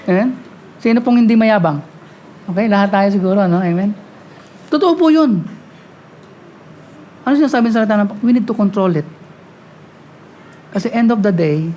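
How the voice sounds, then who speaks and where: A woman preaching a sermon, talking quickly and often asking the congregation "Amen?". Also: medium pitch, darkish tone, a little hiss or hum. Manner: mixes Tagalog and English, frequent call-and-response "Amen?"; talks fast at times.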